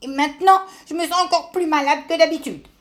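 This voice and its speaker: A woman's voice: fairly high pitch, expressive, normal speed, a little hiss or hum, natural voice. A woman voicing a stubborn, sneezing female tortoise in a children's storybook, speaking in cross, indignant bursts. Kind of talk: storybook character voice.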